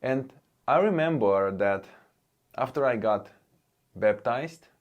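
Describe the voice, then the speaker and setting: A man from Romania with a Romanian accent, in his thirties, telling his personal faith story in a slow, earnest way with many pauses. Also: medium pitch, animated, muffled recording. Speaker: faith vlogger. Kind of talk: personal testimony.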